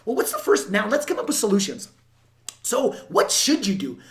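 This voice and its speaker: A woman's voice: mid-range voice, huge pitch swings, normal speed. A woman giving unscripted instructional commentary to viewers as a sales coach, emphatic and repeating key points. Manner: emphatic, repeats points, acts out example dialogue. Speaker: sales coach and video host.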